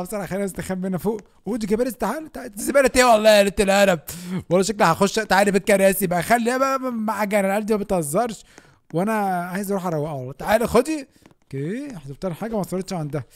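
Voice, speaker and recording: Rapid-fire excitable Egyptian gamer guy. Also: high voice. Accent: Egyptian Arabic. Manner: excitable, shouting and laughing often. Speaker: gaming YouTuber. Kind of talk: excited gameplay commentary.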